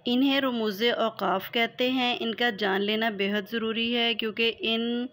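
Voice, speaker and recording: A woman's voice: fairly high pitch, steady tone, measured pace, a bit bright, dry recording. A woman teaching Quran recitation, explaining each term patiently and methodically to her viewers.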